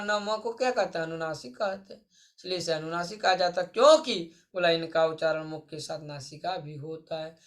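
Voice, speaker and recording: His voice sits high and is a bit bright: a male Sanskrit teacher leading an online exam-prep class. He explains every point, answers his own questions to the class, and calls the listeners his friends.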